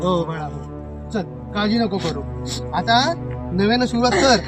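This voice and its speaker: Farmer dad, high-voiced and gentle, with a film score underneath, played by a male actor. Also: animated, measured pace. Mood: soothing. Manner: soothing, repeats himself. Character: gentle farmer father comforting his weeping son. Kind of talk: short film acting. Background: film music.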